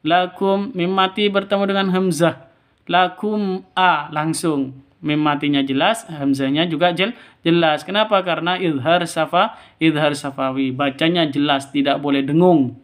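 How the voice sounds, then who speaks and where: A man whose first language is Indonesian gives a step-by-step Quran recitation lesson, patiently teaching the reading rules and repeating each one twice. His voice is fairly high and his pace moderate.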